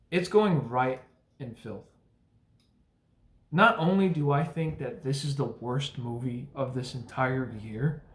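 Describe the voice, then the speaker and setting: A man's voice: mid-range voice, echoey room. A young man giving a casual spoken movie review, rambling with many fillers and restarts and cursing bluntly.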